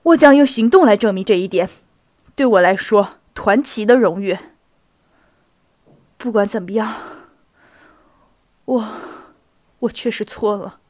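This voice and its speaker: A woman reading a proud young count who speaks in a halting, pleading way. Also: mid-range voice, a little mellow, dry recording, natural voice.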